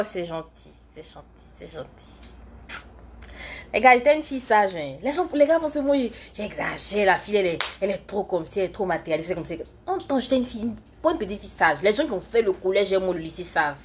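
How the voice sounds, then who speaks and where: A woman's voice: lowish voice, a little hiss or hum. A young woman from Côte d'Ivoire, chatting casually on a livestream, answering comments in a rambling way while doing her makeup. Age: young adult. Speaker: live streamer and student.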